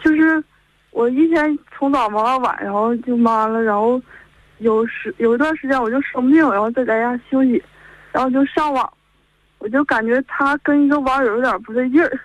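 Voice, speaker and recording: A woman's voice: high voice, normal speed, no room sound. Young northeastern chinese woman calling in, rambling on, dull lo-fi phone sound, dry. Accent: Northeastern Mandarin. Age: 20s. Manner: rambling, strings events with "and then". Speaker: caller. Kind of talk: call-in chat. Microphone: telephone.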